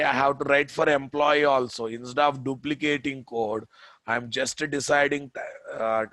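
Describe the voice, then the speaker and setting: A man's voice: medium pitch, pushed and bright, no room sound. A man giving a live coding lecture as an instructor, repeating himself and prodding listeners with questions. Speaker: programming instructor.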